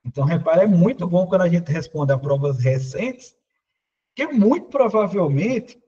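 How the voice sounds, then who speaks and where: A man's voice: high voice, expressive, moderate pace, mellow, breathy edge, muffled recording. A man with a Brazilian Portuguese accent teaching an exam prep class, working through questions and talking straight to his students. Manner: talks to students directly, pointing at the board, asks "né?" often. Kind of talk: live online class solving exam questions.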